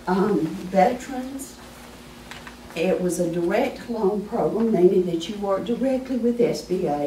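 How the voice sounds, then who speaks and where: A woman presenting to an audience as a small business adviser, folksy and emphatic, her voice hoarse as she keeps clearing her throat. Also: medium pitch, dark tone, a little hiss or hum. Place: meeting room with an audience. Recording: echoey room from far off.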